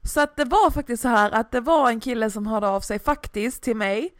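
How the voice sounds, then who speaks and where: A young woman chatting casually, telling a story with lively acted-out quotes. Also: a little high, no room sound, clean studio sound. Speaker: podcast co-host. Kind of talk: casual chat.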